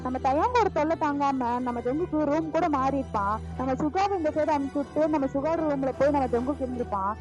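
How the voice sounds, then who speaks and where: A woman's voice: high voice, fast. A woman narrating a fan fiction story in a chatty, casual way, talking familiarly to her listeners. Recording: lo-fi voice with music behind.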